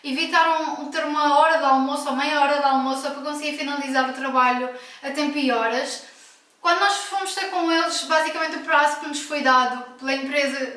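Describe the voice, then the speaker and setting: This Portuguese woman speaks with a European Portuguese accent in a casual home vlog, recorded from a distance in an echoey room. Her high, bright voice stays steady in tone and runs a little fast, forceful as she talks frankly and emphatically. She's a vlogger who corrects herself as she goes.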